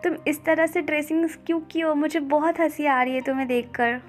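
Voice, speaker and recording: A woman voicing a gentle, loyal young man who reassures his friend. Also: very high voice, level tone, a little fast, soft background music. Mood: earnest.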